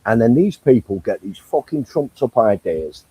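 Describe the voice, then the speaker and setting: A man's voice: mid-range voice, sing-song, normal speed, mellow, husky, no room sound, rough recording. A laid-back man chatting casually as a stream guest, swearing freely. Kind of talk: casual chat.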